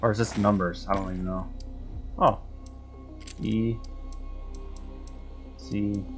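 A man's voice: on the low side, level tone, slow. A man in his thirties giving casual, reactive commentary as a game streamer on a headset. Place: small indoor room. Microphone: headset at a desk. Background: faint game music.

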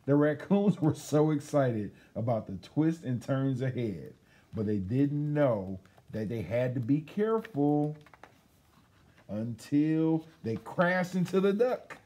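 Sitting in a school library, a Detroit radio station employee reads a children's picture book aloud in a relaxed way as a guest reader. He's a middle-aged man with an American accent and a slightly high, mellow voice, animated but taking things slowly.

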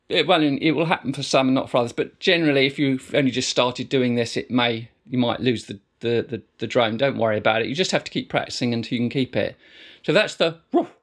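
A middle-aged man teaching didgeridoo techniques in a relaxed, rambling way, full of fillers and restarts. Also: medium pitch. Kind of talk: casual instructional explanation.

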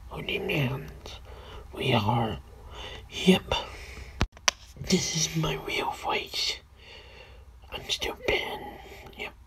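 A man voicing a sinister, creepy hoodie man in a homemade video skit, speaking in a hushed whisper. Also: fairly high pitch, exaggerated voice.

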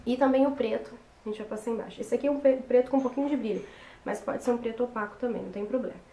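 Hoarse young woman, higher-pitched voice. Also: very fast, warm tone. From Brazil. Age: young adult. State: hoarse voice from a cold. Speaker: makeup tutorial host. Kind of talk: casual chat tutorial. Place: small bedroom, indoors. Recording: roomy echo with background noise.

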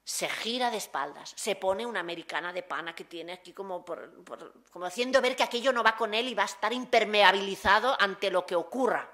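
A woman's voice: mid-range voice, a little fast, few pauses, a bit bright. A woman researcher giving a conference talk, retelling a short film vividly and acting out its dialogue.

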